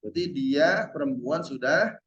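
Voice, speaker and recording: A male teacher in an online Arabic lesson, patiently drilling verb forms and repeating each word slowly. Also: on the high side, animated, fairly bright tone. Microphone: video call. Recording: roomy and dull-sounding.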